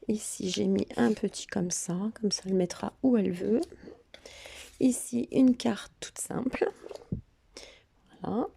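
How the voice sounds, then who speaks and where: A woman casually showing her scrapbook album, hesitant and full of fillers, often dropping into a soft half-whisper. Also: mid-range voice, a little slow, gravelly, long pauses, breathy edge. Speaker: scrapbooking vlogger. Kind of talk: casual craft show-and-tell.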